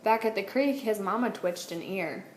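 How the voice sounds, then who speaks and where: A woman teacher reads a children's storybook aloud indoors at a wooden table, the book shown on camera. Her voice is mid-range at a normal speed, and the recording has a roomy echo with clear background noise.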